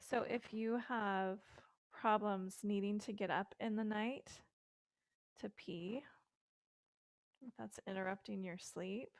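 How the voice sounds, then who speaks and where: A middle-aged woman guiding a yoga session with calm, gentle instructions and casual fillers, recorded indoors on a close mic. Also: mid-range voice, slow, long pauses, dry recording.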